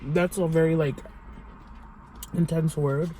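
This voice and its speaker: Young woman, confessional vlog, vulnerable and halting delivery, soft traffic hum in back. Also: sits low, steady tone. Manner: halting, vulnerable, many fillers and restarts. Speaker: vlogger.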